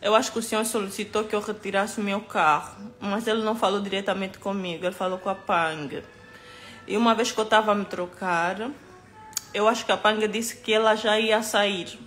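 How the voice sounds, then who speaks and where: A woman's voice: mid-range voice, fairly even intonation, normal speed, fairly bright tone, soft background music. A woman recounting an incident to camera in casual storytelling, emphatic and hesitant, with many asides.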